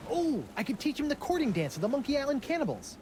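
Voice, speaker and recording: An actor playing an eager, wisecracking young pirate in an adventure game, wordy and boyish. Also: male voice, extremely high pitch, sing-song, quick pace, a little mellow, a little hiss or hum. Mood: eager, quippy. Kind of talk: scripted adventure game dialogue.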